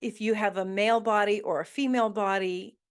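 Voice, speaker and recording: A woman's voice: mid-range voice, fairly even intonation, clear, resonant tone. A woman hosting a motivational talk, coaching listeners with earnest questions and emphatic repetition. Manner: slow deliberate delivery with emphatic repetition. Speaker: host.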